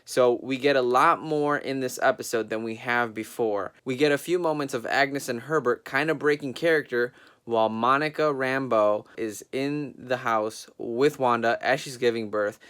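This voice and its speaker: A man's voice: mid-range voice, fairly bright tone, clean tone. A man hosting a casual review of a TV show, talking enthusiastically with lots of ums and uhs. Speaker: TV review host.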